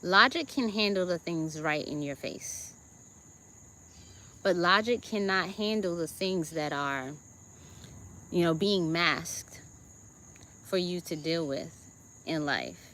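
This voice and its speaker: Slow, bright-voiced Jamaican woman teaching. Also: lowish voice, expressive, a little hiss or hum. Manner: deliberate, checks in with listeners with "okay?" and "right?". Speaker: host. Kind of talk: spiritual self-help talk.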